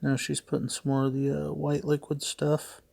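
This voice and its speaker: A middle-aged man with a gravelly voice and heavy audible breathing, giving hesitant, puzzled, matter-of-fact unscripted play-by-play narration. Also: on the high side, monotone, moderate pace, mellow. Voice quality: gravelly, creaky. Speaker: father doing a voice-over for his daughter's makeup video.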